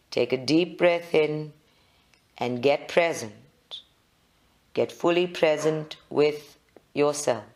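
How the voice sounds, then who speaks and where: A meditation leader with a mid-range voice gives measured, guided instructions. The phrases are short, separated by long pauses.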